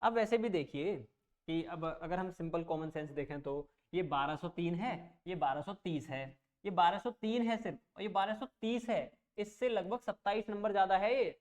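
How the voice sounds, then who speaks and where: A man's voice: high voice, normal speed, a little mellow. A man teaching an online math lesson as a coaching teacher. He talks patiently, repeats each step and keeps checking whether the students follow. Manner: reassuring, plain explanations.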